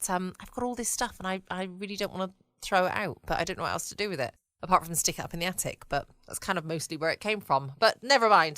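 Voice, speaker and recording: A woman from the United Kingdom with a southern English accent rambles informally as the solo host of a podcast, recording at home in a dry, close room. Her voice is on the low side and slightly bright, and the recording is dry.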